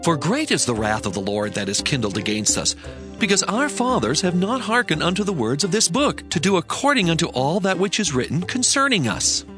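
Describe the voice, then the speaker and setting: A grave king commands his servants in a dramatized scripture production. His voice is fairly high and sweeps widely in pitch, solemn and urgent, over background music. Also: very animated, brisk.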